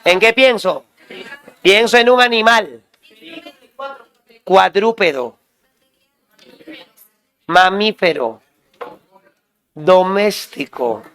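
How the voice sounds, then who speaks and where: A male teacher drilling students with quick questions and repeated call-and-response prompts. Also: high voice, animated, fairly bright tone, smooth. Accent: Peruvian Spanish. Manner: quizzing, repetitive call-and-response.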